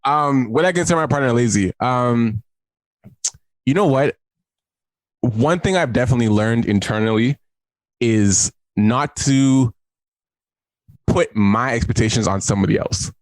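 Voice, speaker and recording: A man co-hosting a casual chat over a video call, animated, often laughing and repeating himself. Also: medium pitch, measured pace, pauses often, dry recording. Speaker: podcast co-host.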